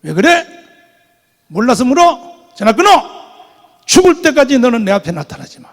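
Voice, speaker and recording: A man voicing a stern, domineering elderly senior pastor who scolds and barks orders, in a raspy, gravelly voice. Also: on the high side, normal speed, long reverb tail, pitched below the performer's own voice, exaggerated voice. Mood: furious. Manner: harsh, scolding, barking orders.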